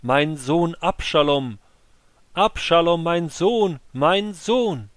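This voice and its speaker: A man's voice: on the high side, a bit bright, no room sound, clean studio sound, pitched above the performer's own voice. A man voicing a grieving old king who wails and weeps, his voice raised and drawn out. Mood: anguished. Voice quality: wailing, raised and slowed.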